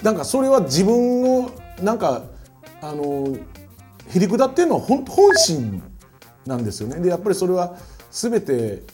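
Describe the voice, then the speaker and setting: A man's voice: sits high, moderate pace, music in the background. A man in his forties from Kyoto with a Kyoto Kansai accent, explaining in a casual lecture with many hesitant fillers. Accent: Kyoto Kansai dialect. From Kyoto, Japan. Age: 40s. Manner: hesitant, many fillers, animated voicing of quoted people. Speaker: guest lecturer.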